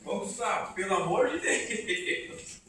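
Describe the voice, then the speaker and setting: A man preaching an informal church sermon, animated and quizzing the congregation. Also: high voice, slow pace. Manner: animated, asks the congregation questions, acts out quotes. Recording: echoey room from far off, faint noise.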